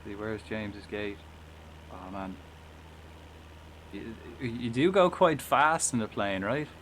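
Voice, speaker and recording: A man's voice: lowish voice, slow, fairly bright tone, slight background noise, poor audio. A man with an Irish accent giving casual, rambling live commentary while he plays a flight game, swearing and chatting back to viewers.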